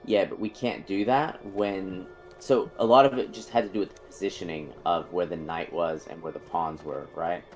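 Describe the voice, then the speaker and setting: Man, raid leader on voice chat, deep voice, rambling instructions, music behind. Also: steady tone, normal speed, hardly any pauses, darkish tone, poor audio. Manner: rambling, repeats himself, many fillers. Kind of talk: explaining raid tactics on voice chat.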